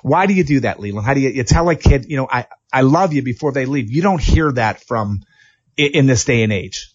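A man's voice: medium pitch, expressive, a little fast, husky, no echo. An eager male host asks questions and tells anecdotes, voicing the people in his stories. The sound is dry and muffled, recorded in an office. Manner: enthusiastic storyteller, acts out quotes. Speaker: interview host, former hockey player. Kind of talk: casual interview.

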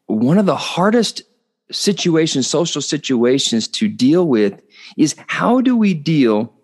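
A man's voice: fairly high pitch, very animated, measured pace. A man hosting a solo relationship podcast, explaining in an earnest, teaching way and often restarting and repeating words mid-sentence. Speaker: podcast host.

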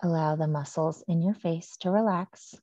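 Calm woman guiding a meditation. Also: deep voice, no room sound, muffled recording. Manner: slow, soft and soothing with long pauses. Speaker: meditation guide. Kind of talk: guided breathing meditation.

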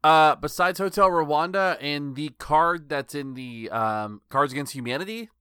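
A man's voice: a little high, unhurried, pushed and bright, clear, resonant tone, dry recording, clean studio sound. A man co-hosting a podcast in casual chat, giving short joking replies. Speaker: podcast co-host.

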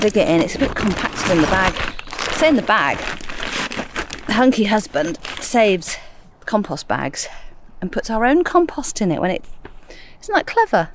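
A woman's voice: mid-range voice, slight background noise. A middle-aged woman chatting casually to listeners while planting in her garden, a little out of breath. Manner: chatty, self-amused, talking to listeners while working. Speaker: gardening podcast host. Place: outdoors in a garden.

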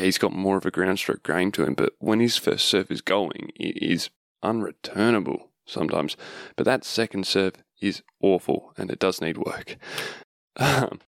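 A man hosts a casual sports podcast by himself, recovering from having his wisdom teeth pulled. His voice sits very low with plenty of vocal fry, recorded close and dry. He rambles informally and interrupts himself as he goes. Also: no room sound. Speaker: podcast host.

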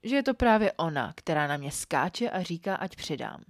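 A woman reading an erotic story aloud in a calm, even first-person storytelling manner. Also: on the low side, dry recording, clean studio sound. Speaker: podcast storyteller.

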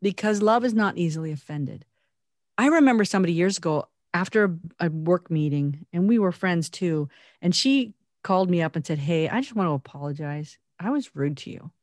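A woman's voice: fairly low pitch, lively intonation, brisk, darkish tone, no room sound, clean studio sound. A woman co-hosting a casual faith-based chat, earnest and intense, laughing often as she talks. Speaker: podcast co-host.

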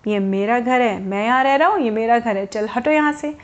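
A woman voicing a stubborn, grumpy male rabbit in a children's storybook tale, gruff and dismissive. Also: fairly high pitch, fairly even intonation, takes it slowly, dull audio. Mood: angry. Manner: gruff, dismissive, lazy drawl.

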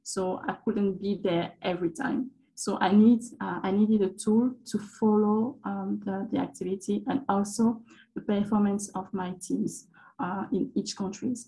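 A woman from Ivory Coast with an Ivorian French accent, answering interview questions haltingly as she searches for words. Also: medium pitch, steady tone, dark tone, low-quality recording. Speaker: startup founder and guest.

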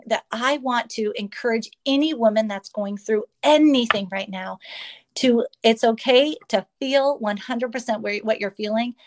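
A middle-aged woman sharing a personal faith testimony in an interview, telling her story with emotion and acting out quotes. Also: on the high side. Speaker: guest.

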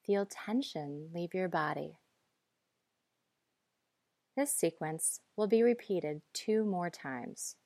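A woman guiding breathing and muscle relaxation in a calm, measured, instructive way. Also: on the low side, dry recording. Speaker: guide.

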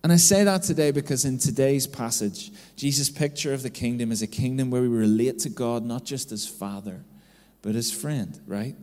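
A man's voice: mid-range voice, moderate pace, few pauses, darkish tone. A man in his thirties giving a conversational sermon as a pastor, telling stories and tagging his sentences with "right?". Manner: storytelling, keeps adding "right?" tags. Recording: long reverb of a hall.

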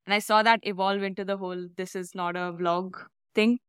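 A woman's voice: medium pitch, steady tone, fairly quick, a bit bright, smooth, no echo, studio quality. A woman hosting a podcast, chatting casually with a bubbly, giggly manner and loose fillers. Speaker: podcast host. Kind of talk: casual chat.

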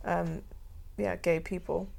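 A woman's voice: on the low side, flat delivery, takes it slowly, creaky, darkish tone. German woman in casual chat. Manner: responsive, frequent laughs and short agreements.

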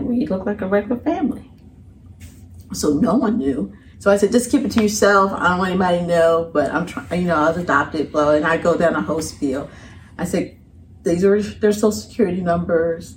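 A middle-aged woman telling a personal story in a casual, colloquial way as a podcast guest. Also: normal speed. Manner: animated, colloquial, breaks into laughter and high voices when quoting. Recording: distant mic with faint background noise.

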